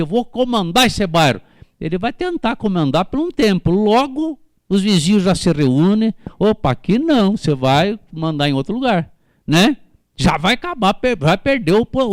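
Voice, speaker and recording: During a church service, a pastor with a Brazilian Portuguese accent preaches in a voice on the high side, recorded with no room sound. He fervently puts questions to members of the congregation by name.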